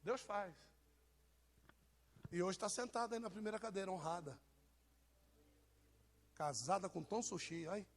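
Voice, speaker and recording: A man's voice: high voice, unhurried, long pauses. A man with a Brazilian accent, preaching an informal sermon and joking with members of his congregation. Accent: Brazilian Portuguese. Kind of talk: informal sermon to a live church.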